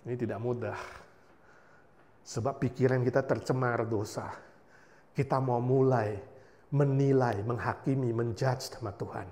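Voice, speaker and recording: Man preaching with loud and hushed swings. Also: medium pitch, steady tone, a little slow, long pauses. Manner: swings between loud exhortation and hushed, tearful prayer; mixes English words into his preaching. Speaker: pastor. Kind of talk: sermon. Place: church.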